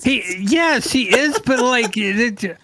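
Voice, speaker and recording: A man's voice: very high-pitched, lively intonation, slow pace, sharp tone, faint music behind. A man co-hosting a gaming talk show, chatting casually with an exasperated, joking manner. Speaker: co-host. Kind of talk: casual chat.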